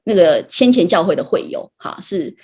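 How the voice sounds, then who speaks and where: Husky-voiced woman telling her faith story. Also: fairly low pitch, animated, moderate pace, dark tone. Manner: chatty storytelling, frequent light laughs and tag particles. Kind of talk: conversational personal testimony.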